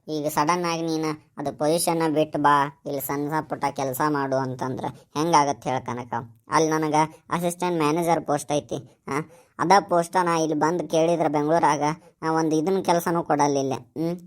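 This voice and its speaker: A woman voicing a young village man working abroad, gentle and pleading, with a North Karnataka Kannada accent. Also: low-pitched, natural voice. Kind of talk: cartoon voice acting.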